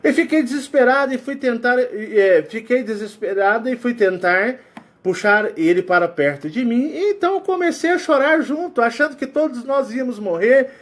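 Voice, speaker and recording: A man with a Brazilian Portuguese accent leads a casual spiritual talk in a high-pitched voice. His delivery swings widely, acting out sounds and voices as he explains. He is sweating as he speaks. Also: normal speed. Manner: animated, acts out sounds and quotes. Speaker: spiritual channel host.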